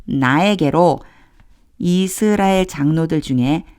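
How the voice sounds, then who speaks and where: A woman teaching an English Bible reading lesson phrase by phrase, patiently explaining grammar and reading each English line slowly and clearly. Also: low-pitched, darkish tone. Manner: conversational, uses casual pointing words while marking a text. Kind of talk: step-by-step phrase-by-phrase translation lesson.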